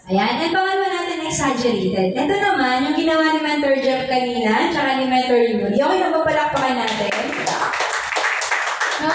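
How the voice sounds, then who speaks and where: A woman mentor with a high voice leads a seminar training, playful and teasing as she acts out examples. She sounds far from the mic, with a strong hall echo and faint background noise. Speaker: business mentor.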